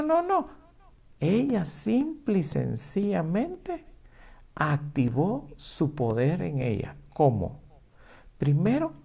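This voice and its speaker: A man's voice: a little high, warm tone. A male pastor preaching emphatically, asking the listener rhetorical questions and acting out their objections. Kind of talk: sermon.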